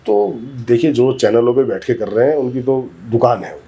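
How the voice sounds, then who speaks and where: A man's voice: medium pitch, moderate pace, creaky, mellow, breathy edge. A man as a guest in a heated political interview, talking emphatically, arguing his points and often cutting in over the interviewer. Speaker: interview guest, community leader.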